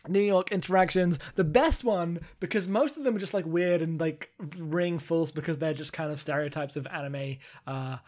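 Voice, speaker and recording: A man's voice: fairly high pitch, moderate pace, few pauses, darkish tone. A man co-hosting a podcast, casually recapping an anime movie in a rambling, amused way with lots of fillers. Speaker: podcast co-host.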